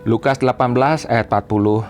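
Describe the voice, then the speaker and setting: A man preaching a sermon to a church congregation. He speaks emphatically, addresses them directly, and builds to loud, repeated cries. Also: mid-range voice, steady tone, fast, faint music behind. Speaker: pastor. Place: church service.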